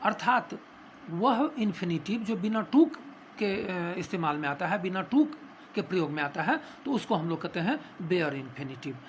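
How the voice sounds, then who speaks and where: A male English teacher with an Indian accent giving a grammar lesson, explaining terms slowly with hesitant pauses and frequent fillers. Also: high-pitched, very animated, a little hiss or hum. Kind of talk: classroom grammar lesson, Hindi mixed with English.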